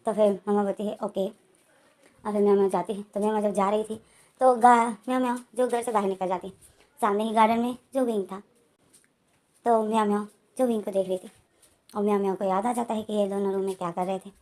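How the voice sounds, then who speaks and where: A woman's voice: medium pitch, fairly even intonation, a little fast, long pauses, a little mellow. A woman casually retelling a story, rambling along with many linking words and fillers.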